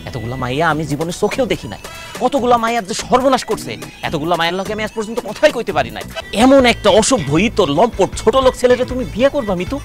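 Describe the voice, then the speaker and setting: An actor playing the groom's scheming friend, theatrical and scolding, in a comic TV drama. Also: male voice, sits high, big pitch swings, fast talker, soft background music. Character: scheming buddy, dramatic gossip.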